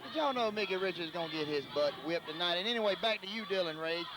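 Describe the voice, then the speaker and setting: Southern guy trash talking on wrestling commentary, high pitched, noisy background. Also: animated, fast talker. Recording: clearly noisy live event background.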